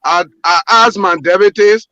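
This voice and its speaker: A man's voice: high-pitched, moderate pace, pushed and bright, no echo, muffled recording. A Liberian man, a port manager guest on a call-in show, speaking earnestly with many repeats and restarts. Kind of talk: call-in radio interview.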